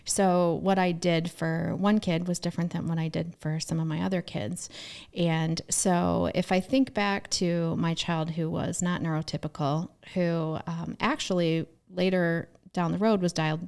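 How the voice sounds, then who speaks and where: A woman co-hosting a casual podcast, a therapist and mother telling lively stories from raising her kids. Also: lowish voice, normal speed, gravelly, clean tone. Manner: lively storytelling, acts out her own past remarks.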